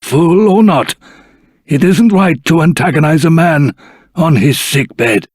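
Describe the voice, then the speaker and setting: For a fantasy video game, a male actor voices a dignified dragon-race elder in human form, speaking formally, courteously, and earnestly in a husky voice. The voice is a little high and measured in pace, the recording dry, and the mood stern and indignant.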